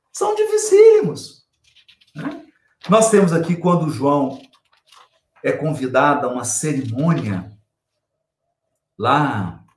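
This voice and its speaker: A man's voice: on the high side, echoey room. A Brazilian man giving a spiritual lecture on scripture, emphatic, repeating key phrases and asking rhetorical questions.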